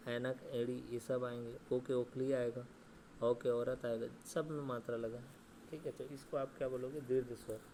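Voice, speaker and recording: Flat-voiced man teaching a grammar lesson. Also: mid-range voice, slight background noise. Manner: asks questions and answers them himself; repeats "ठीक है" and "है ना" often.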